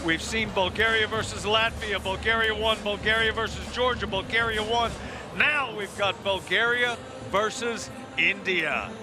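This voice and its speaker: A man's voice: high voice, moderate pace. A man giving color commentary on a fight, confidently laying out each fighter's keys to victory. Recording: music under the voice.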